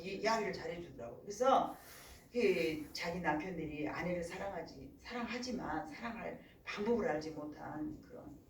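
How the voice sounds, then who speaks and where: Middle-aged woman pastor, lively pitch, acts out voices, roomy church sound from a distance. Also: slight background noise. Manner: animated storytelling, acts out voices. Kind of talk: sermon.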